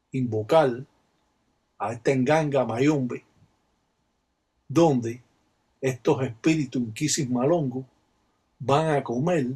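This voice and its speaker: A man giving a solemn, measured instructional narration about a folk ritual. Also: mid-range voice, darkish tone, breathy edge. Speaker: religious practitioner explaining a ritual.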